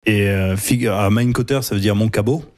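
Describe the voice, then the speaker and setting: A man's voice: lowish voice, fairly quick, a little mellow. Hesitant male guitarist explaining. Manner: hesitant explaining with many fillers. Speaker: guitarist guest. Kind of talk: casual radio interview.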